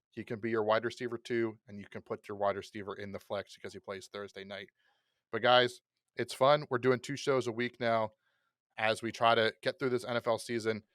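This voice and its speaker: Low-voiced male podcast host, dry. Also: a bit bright, no echo. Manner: loose, joking, wraps up the show. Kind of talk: casual fantasy football chat.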